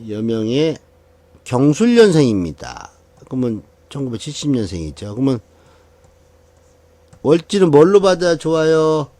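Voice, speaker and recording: A man's voice: mid-range voice, warm tone. A man teaching a class how to read a birth chart. He keeps asking questions and answering them himself, with chuckles between points. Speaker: saju fortune-telling teacher.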